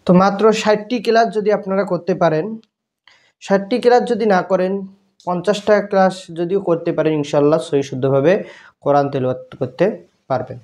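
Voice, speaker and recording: A man teaching Arabic letter pronunciation, slowly repeating each sound many times in a patient, instructive drill. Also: high-pitched, darkish tone. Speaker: Quran teacher. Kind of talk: slow repetitive letter drill.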